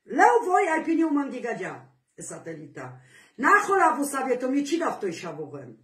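A woman vlogger chatting casually to her viewers, animated, with sing-song calls and rising exclamations. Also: on the high side, moderate pace. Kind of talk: casual chat to camera. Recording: roomy echo, voice from a distance.

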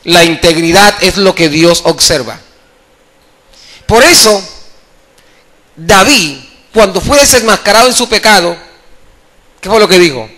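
A male evangelist preaching a sermon at a church convention, impassioned, calling for applause and swinging between loud and soft. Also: sits high, expressive, measured pace, pauses often.

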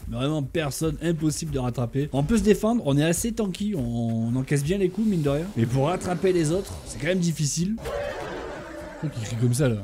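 A young man giving excitable, slangy live commentary while playing a video game, often calling out to other players. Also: fairly high pitch, fairly quick, soft background music. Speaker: gaming streamer.

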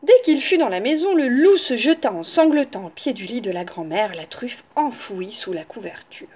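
A woman reading a children's story aloud, expressive and pausing to explain to the children. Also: on the high side, slightly rough.

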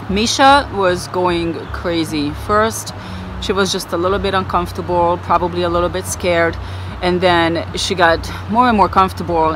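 A woman vlogger gives a casual, personal recap of an outing to her viewers. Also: lowish voice. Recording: clear outdoor background noise.

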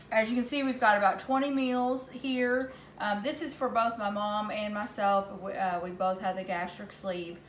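A middle-aged woman casually walking through her meal prep at home, listing ingredients with frequent "um" fillers, recorded on a camera mic at table distance. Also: medium pitch. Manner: chatty, lots of "um" fillers, listing items. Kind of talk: casual how-to vlog. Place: home kitchen, indoors. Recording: echoey kitchen with faint noise.

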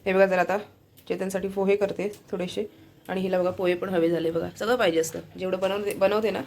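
A woman's voice: mid-range voice, flat delivery, fairly quick, a little mellow, a little hiss or hum. A woman casually narrating a family home vlog from her kitchen, chatty and always pointing things out. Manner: chatty, keeps saying look here, coos at her pet. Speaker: family vlogger.

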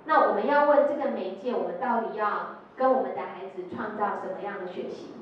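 A woman's voice: mid-range voice, fairly quick, a little hiss or hum. A middle-aged woman with a Taiwanese Mandarin accent, an educator telling stories in a workshop and acting out the quotes in them. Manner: storytelling, acting out quotes, tag particles. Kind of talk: lecture with told anecdotes. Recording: echoey hall, distant lo-fi sound.

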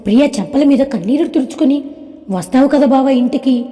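High bright-voiced woman reading a story. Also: brisk, big-room sound. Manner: voices all characters herself with small pitch lifts. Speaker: story narrator. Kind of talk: reading a family drama story aloud.

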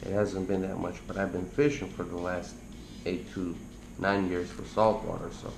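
A fishing channel host with a gravelly, deep voice talks at a normal speed in a casual tutorial to camera, rambling in a relaxed way and explaining as he goes. He sits indoors at a kitchen table by a window, with the camera on the table close to him. The room is echoey and has background noise.

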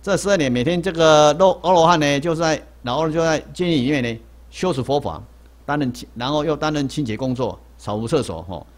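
A man's voice: fairly high pitch, fast talker. A man, a Buddhist monk telling a story in a sermon in a lecture hall. He repeats himself often and keeps asking rhetorical questions, then answering them.

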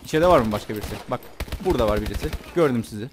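A young man talks over his shooter game in a loose, joking way, yelping and cursing when the fights heat up. Gunfire and game noise sound clearly behind his mid-pitched voice. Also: very fast. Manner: joking, excitable, swears and yelps during fights. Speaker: gameplay commentator. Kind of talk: let's play commentary.

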